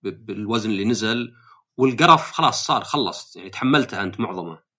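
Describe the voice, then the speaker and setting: A man's voice: lowish voice, animated, fast, bright, forceful tone. A man hosting a podcast in casual conversation, asking long probing questions. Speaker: podcast host.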